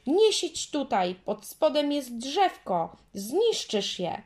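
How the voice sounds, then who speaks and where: A stubborn, quarrelsome little girl from a storybook, as a woman reader puts her on. The voice is raised well above the reader's own and pushed loud and whiny. It sounds like a child who insists she is right. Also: fairly high pitch, expressive, measured pace, pitched above the performer's own voice. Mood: shouting. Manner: whiny, shouting, indignant.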